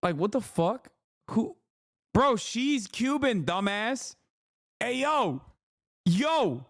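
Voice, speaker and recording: A man's voice: sits high, sing-song, slow pace, no room sound, studio quality. A man hosting a livestream, reacting to clips in profane, incredulous rants. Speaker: livestream host. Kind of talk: casual streaming commentary.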